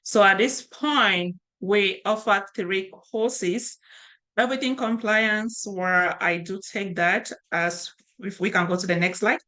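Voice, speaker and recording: A woman's voice: mid-range voice, slow pace, pushed and bright. A middle-aged woman from Cameroon, a cybersecurity instructor presenting an online training session over a video call, talking conversationally with fillers and restarts. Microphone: webcam video call.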